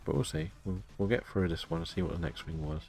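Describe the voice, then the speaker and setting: Low-voiced, low-key male game streamer. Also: steady tone, fast talker, darkish tone, soft background music. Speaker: live-streaming gamer. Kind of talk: casual game stream commentary, chatting with viewers.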